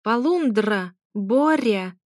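A woman voicing a loud, rude male parrot that shrilly shouts and repeats phrases in an audiobook. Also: fairly high pitch, animated, very slow, dry recording, clean studio sound. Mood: squawking.

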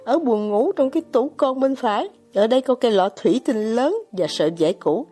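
A woman's voice: a little high, lively intonation, brisk, faint music behind. A woman voicing a capricious young girl who gives urgent, commanding, pleading orders in an audiobook reading. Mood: fussing eager. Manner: urgent, bossy, near-shouting pleas. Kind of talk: audiobook character voice.

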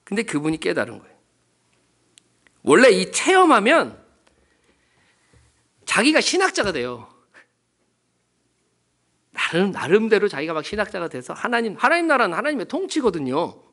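Casting: male pastor, church sermon, high and bright, animated storytelling with questions to the congregation. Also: normal speed, long pauses. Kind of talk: sermon at a Wednesday prayer meeting.

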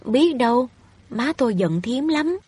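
An overbearing, haughty rich young lady from a storybook, scolding a poor tenant, as a woman reader puts her on. The voice sits fairly high with a husky edge, recorded close and dry. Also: lively intonation, a little slow, warm tone, dry recording, full character voice. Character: haughty wealthy young woman, landlord's daughter. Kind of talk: audiobook reading of a novel.

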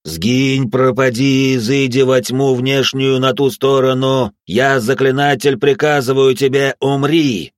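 A man reading an audiobook voices the first-person hero, a tough young conjurer who shouts commands and incantations. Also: medium pitch, fairly even intonation, measured pace, few pauses, no echo, clean studio sound, pitched above the performer's own voice, close to an everyday voice. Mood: defiant. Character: tough young male demon-fighting conjurer, defiant.

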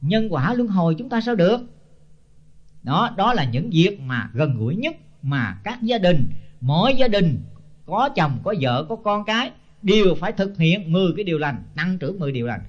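A man's voice: high voice, very animated, normal speed. An older man, a senior Buddhist monk giving a blunt, scolding sermon full of rhetorical questions. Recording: dull lo-fi tape.

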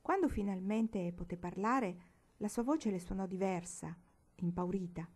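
A woman narrating a literary audiobook with expressive, dramatic storytelling. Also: medium pitch, measured pace. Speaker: audiobook reader.

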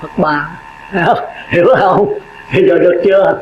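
A man's voice: sits high, steady tone, measured pace, a crowd in the background. An older Buddhist monk giving a folksy dharma talk, chatty and quizzing his listeners with laughing asides. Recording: echoey, dull, noisy hall recording.

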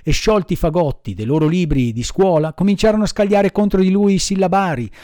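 A man's voice: high voice, a little fast, dark tone, no room sound, studio quality. A man reading a children's classic aloud, telling the story expressively. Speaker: audiobook reader. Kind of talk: storybook narration.

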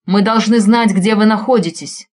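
A woman voicing a calm male investigator who asks crisp, precise questions over the phone. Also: mid-range voice, normal speed, close to an everyday voice.

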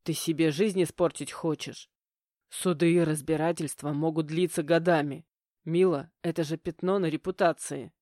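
A man's voice: on the high side, fairly even intonation, moderate pace, darkish tone, dry recording, clean studio sound, close to an everyday voice. A woman voicing a stern middle-aged stepfather who lectures curtly. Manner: curt, lecturing.

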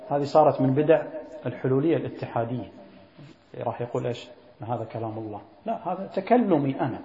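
A man's voice: fairly high pitch, dark tone, slight background noise. A man teaching a creed lesson, quizzing his students and repeating key phrases. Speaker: sheikh teaching a creed text. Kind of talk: classroom lesson. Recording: echoey lo-fi hall recording.

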